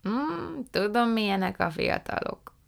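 A woman voicing an absent-minded elderly great-aunt who muses slowly. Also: fairly high pitch, sing-song, vocal fry, voice pushed up, full character voice. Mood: chuckling. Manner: slow, musing, off-topic remarks.

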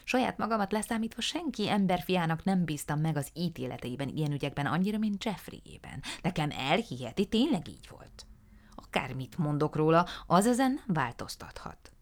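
A woman's voice: low-pitched, lively intonation. A woman voicing a fussy, theatrical little male art dealer who talks in a flowery, gushing way. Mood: confiding.

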